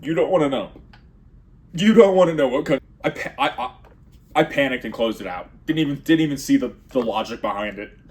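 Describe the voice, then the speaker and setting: A man doing a rambling comedic monologue, sarcastic with deadpan asides. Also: medium pitch, brisk.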